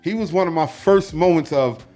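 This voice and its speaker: A man's voice: on the high side, normal speed, faint music behind. A man with a New Jersey accent, a comedian guest talking bluntly and profanely in casual podcast chat. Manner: blunt, profane, animated storytelling.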